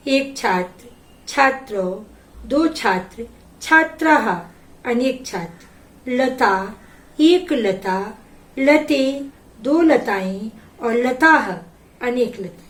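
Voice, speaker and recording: A woman teaching a Sanskrit lesson, slowly reading each word and then giving its meaning. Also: fairly high pitch, roomy sound. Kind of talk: slow classroom explanation.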